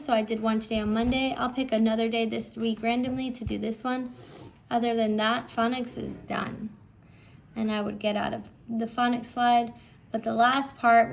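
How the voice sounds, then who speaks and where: A woman teaching a phonics lesson casually, giving slow school dictation with repeated words and prompts for a child. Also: a little high, creaky. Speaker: home phonics teacher, parent-style instructor.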